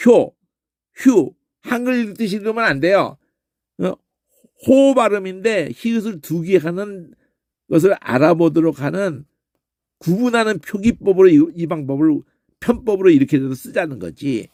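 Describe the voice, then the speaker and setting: A middle-aged man giving an informal pronunciation lesson, demonstrating sounds aloud and checking in with quick questioning grunts. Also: sits high, lively intonation, a little mellow, no room sound, studio quality. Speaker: Bible language teacher.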